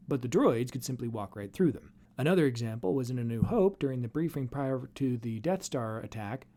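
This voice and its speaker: Wry man with a mellow, dark voice. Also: mid-range voice. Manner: wry, dryly sardonic asides. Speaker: host and narrator of a video series. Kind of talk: explanatory fan commentary, semi-scripted narration.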